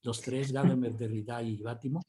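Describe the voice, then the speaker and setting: A man's voice: mid-range voice, steady tone, normal speed, background noise. A Mexican university professor giving a keynote lecture, digressive and emphatic, often repeating words as he searches for phrasing. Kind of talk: academic lecture.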